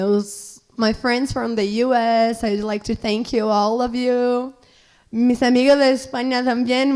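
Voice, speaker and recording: Chatty Brazilian bride, high voice. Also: female voice, a little mellow. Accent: Brazilian Portuguese. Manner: chatty, laughing, switching between languages. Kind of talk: thank-you speech and greetings on a live call. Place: wedding reception. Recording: crowd of wedding guests behind.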